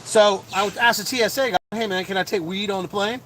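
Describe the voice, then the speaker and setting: A middle-aged man hosting a casual livestream chat as a comedian, rambling with lots of fillers and quick chuckles. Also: sits high, steady tone, fairly bright tone, a little hiss or hum. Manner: chuckling, full of fillers and restarts.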